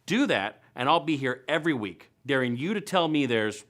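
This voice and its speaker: Heavy background noise surrounds an animated man speaking at a moderate pace in a medium-pitched voice. He's a web show host giving upbeat, scripted comedic news and events coverage, playful and punchy, with emphatic stretched words.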